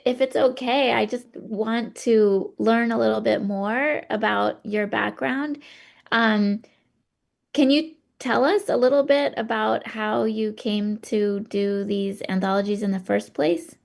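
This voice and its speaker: A woman's voice: a little high, steady tone, takes it slowly, vocal fry. A woman co-hosting a video call, eager and bubbly, laughing often. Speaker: co-host. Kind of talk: casual video call chat.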